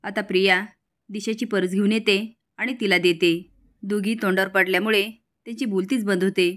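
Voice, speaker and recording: A woman's voice: medium pitch, fairly even intonation, fairly quick, a bit bright. Woman, recaps a soap episode, plain story voice. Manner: plain storytelling, acting out each figure. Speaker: narrator. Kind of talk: retelling a TV serial episode.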